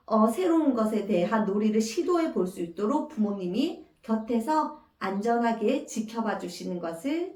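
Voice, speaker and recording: Middle-aged woman giving a parenting talk, lively and highish, kinda far from the mic in a roomy space. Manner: expressive, acts out parent and child lines in a raised voice. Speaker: parenting educator. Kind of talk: parenting lecture. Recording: echoey room, mic at a distance.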